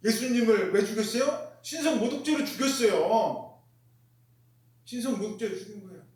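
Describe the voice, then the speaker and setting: A man delivers a sermon in a high, carrying voice. He hammers home each point by repeating it and keeps asking his listeners questions. He sounds set back from the mic, in a room full of echo. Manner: emphatic, repeats key phrases, asks the congregation questions. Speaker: pastor. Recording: very echoey room, mic far off.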